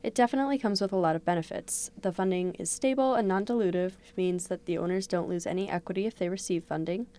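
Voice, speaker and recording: A woman's voice: fairly low pitch, fast, hardly any pauses, warm tone. A woman reporter answering a host's questions in a prepared, informative way. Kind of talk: news interview answers.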